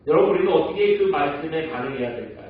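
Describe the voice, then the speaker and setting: Korean pastor preaching in an echoey hall. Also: male voice, a little high, expressive, quick pace. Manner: storytelling, asks the congregation questions. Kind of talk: Sunday sermon. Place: church sanctuary. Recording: echoey church hall, mic at a distance, dull sound.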